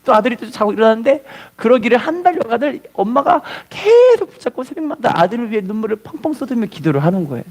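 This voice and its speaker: A man preaching a sermon as a pastor, telling a story with lively call-and-response. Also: extremely high pitch, fast, few pauses.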